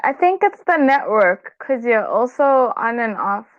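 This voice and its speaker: A woman tutor talking loudly over a poor call connection. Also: fairly high pitch, sing-song, unhurried, no room sound. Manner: raised voice over a bad connection. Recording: tinny phone-like call from far off.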